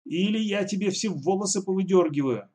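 A man voicing a cruel, bossy adult woman kidnapper who shouts threats. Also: high voice, fairly quick, pitched above the performer's own voice, natural voice. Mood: threatening.

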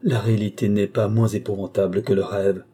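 A man's voice: fairly low pitch, flat delivery, brisk, warm tone, slightly rough. A man voicing a dying old marquis who is terrified of hell and speaks in a broken, trembling voice, in a read-aloud story. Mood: anguished.

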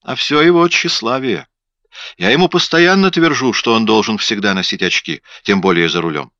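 A man reading an audiobook, voicing a sharp, nagging middle-aged wife who scolds her husband. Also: deep voice, a little fast, no room sound, highs cut off. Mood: scolding.

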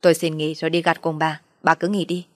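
A woman's voice: sits low, level tone, a little fast, dry recording, clean studio sound, close to an everyday voice. A woman voicing a blunt, impatient older farmer who presses his wife for answers. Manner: gruff, impatient.

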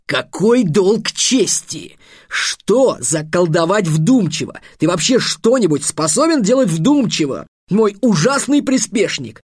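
A man voicing a weary, exasperated wizard who talks loudly and slowly. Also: sits high, very animated, breathy edge, dry recording, clean studio sound, pitched above the performer's own voice, full character voice. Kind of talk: audiobook character voice.

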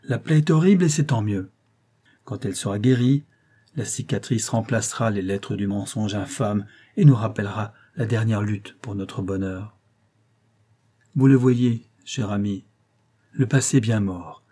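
In an audiobook, a man reads the part of a noble young princess in hiding, speaking with solemn, declamatory devotion. His lowish voice is mellow, dark, and slightly husky, and his unhurried delivery carries an earnest mood.

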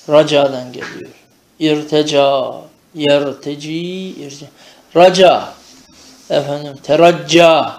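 A man with a somewhat high, gravelly voice teaching a traditional Arabic grammar lesson. He recites verb forms in rhythmic chanted drills. Between them he explains in Turkish and keeps checking that his students follow. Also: roomy sound.

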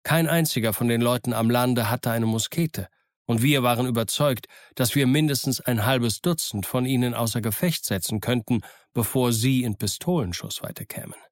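A man narrating an adventure audiobook in a steady, measured reading. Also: medium pitch, no echo, clean studio sound. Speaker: audiobook reader. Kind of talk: scripted narration.

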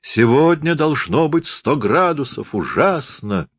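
A man voicing a chilled, despairing fairground actor playing Napoleon, with a hoarse, grandiose, declamatory delivery. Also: on the high side, very animated, slow pace, no room sound, studio quality, voice pushed up, exaggerated voice. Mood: theatrical.

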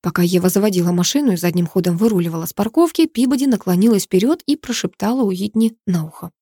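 Mellow woman narrating an audiobook. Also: mid-range voice, quick pace, slightly rough, dry recording, studio quality. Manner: steady, dramatic storytelling. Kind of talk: scripted narration.

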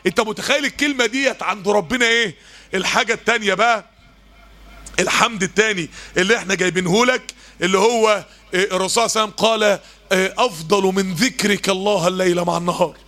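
An Egyptian man gives a mosque lesson at a quick clip. His voice sits high and sounds bright and forceful, and he drives each point home with rhetorical questions and emphatic repetition. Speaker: preacher.

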